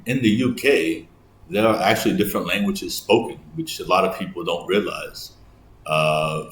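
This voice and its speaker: A man's voice: deep voice, fairly bright tone, roomy sound, a little hiss or hum. A man from England with an English accent, hosting a casual explainer video and thinking aloud as he explains. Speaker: host, English teacher.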